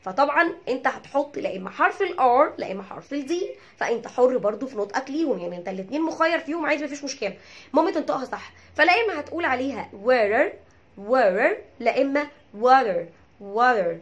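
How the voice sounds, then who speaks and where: A woman's voice: high voice, animated, rapid-fire. A woman with an Egyptian Arabic accent teaching English pronunciation, drilling each word by repeating it and checking in with her listeners. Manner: checks in with "tamam?". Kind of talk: pronunciation lesson.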